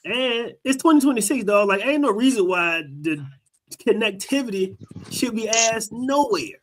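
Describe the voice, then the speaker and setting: A man's voice: high voice, lively intonation, moderate pace, a little hiss or hum. A man co-hosting a casual podcast, talking in loose slang with some swearing. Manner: slangy, profane. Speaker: podcast co-host.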